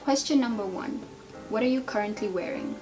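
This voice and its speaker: A woman's voice: medium pitch, big pitch swings, fairly quick, creaky, over music. A woman in her twenties chatting casually in a tag video, rambling and playful as she answers questions. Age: 20s. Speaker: beauty and lifestyle vlogger.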